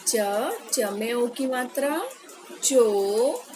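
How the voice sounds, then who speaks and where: With background noise behind her, an animated primary school Hindi teacher with a fairly high voice guides young children through phonics. Each word is slowly drawn out and patiently repeated, and she checks in with the pupils often using "है ना".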